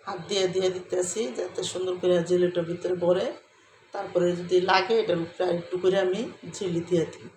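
A hoarse woman talks viewers through a cooking demonstration, chatty and repetitive, often asking them to look. Her voice stays fairly flat. The sound is roomy and echoey, with a faint hum of ambience behind her. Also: on the low side. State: hoarse from a cold. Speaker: cooking vlogger. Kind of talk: casual step-by-step cooking demonstration.

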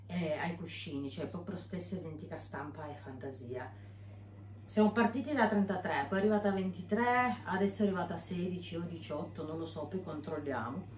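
A middle-aged woman with an Italian accent vlogs from her bedroom, chatting casually to a camera on a stand across the room about cheap purchases and what they cost. Her voice is fairly low and a little mellow, the room sounds echoey, and there's slight background noise.

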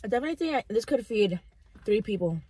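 A woman's voice: mid-range voice, lively intonation, fast talker, mellow, husky, no echo. Young woman chatting casually in a mukbang. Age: young adult. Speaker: mukbang vlogger. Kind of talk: casual chat to viewers while eating, mukbang. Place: inside a parked car.

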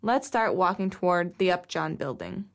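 A woman's voice: on the low side, animated, moderate pace. A woman playing an institutional greeter, reading scripted announcements in a formal manner. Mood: polite, official. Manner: formal, clearly scripted delivery. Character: institutional greeter: bank phone menu, college admissions guide. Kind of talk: scripted test-audio announcement.

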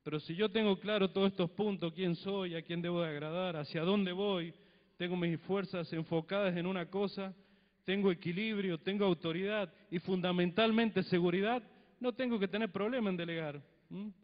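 A high-pitched, steady-toned man speaking at a moderate pace gives a sermon in a church hall using a handheld microphone. He is middle-aged, from Mendoza, with a Cuyo Argentine Spanish accent, and his preaching is casual, peppered with tag questions and small acted dialogues. The audio is dull and lo-fi, with lengthy hall reverb.

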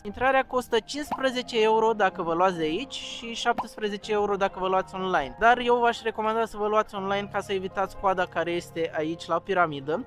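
A man in his twenties narrating a travel vlog in a lively, explanatory way, speaking to a handheld camera on a city street. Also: high-pitched. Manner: lively, explanatory, jokey asides. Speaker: travel vlogger.

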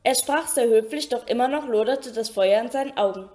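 A woman reading an audiobook aloud in even, storytelling narration. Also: a little high, a little fast. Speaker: audiobook reader. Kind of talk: scripted narration.

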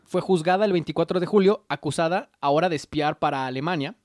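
A man's voice: fairly high pitch, fast talker, a little mellow, no echo, studio quality. Joking Mexican man telling history. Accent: Mexican Spanish. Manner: joking, slangy, acts out characters while narrating. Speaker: podcast co-host telling a history story. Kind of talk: casual comedic storytelling.

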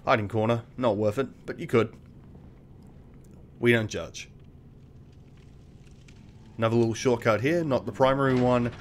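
A man's voice: medium pitch, fairly even intonation, a little slow, long pauses, slight background noise. A man giving casual gameplay commentary as the host of a let's play, dry and self-mocking, with casual swearing.

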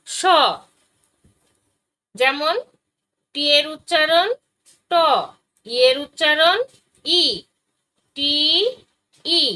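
A woman teaching a phonics lesson for young children, spelling out letters and sounds one by one with patient, deliberate delivery. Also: sits high, sharp tone, low-quality recording.

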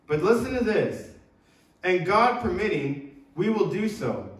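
A man's voice: high voice, big pitch swings, measured pace. A man preaching an earnest sermon as pastor, often restarting his phrases. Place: church sanctuary. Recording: echoey church room from far off.

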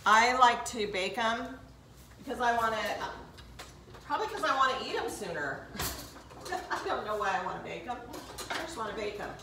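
An older woman hosts a casual cooking demonstration in her home kitchen, chatting straight to viewers as she works. The sound bounces around the room with clear background noise under her voice. She is recorded from a camera set back across the counter. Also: a little high, sing-song, moderate pace, roomy sound. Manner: chatty, talks straight to viewers while working. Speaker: cooking show host.

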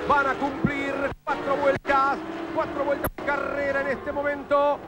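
A man with an Argentine accent giving urgent, excitable live motorsport commentary, often repeating his phrases as the race's lead commentator. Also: very high-pitched, measured pace. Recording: loud engine and track noise behind.

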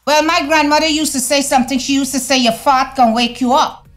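A middle-aged woman talking to camera in a casual opinion vlog at home, animated and conversational with slangy asides. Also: high voice, fairly quick, faint music behind. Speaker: vlogger. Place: home room, indoors. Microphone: fixed camera at desk.

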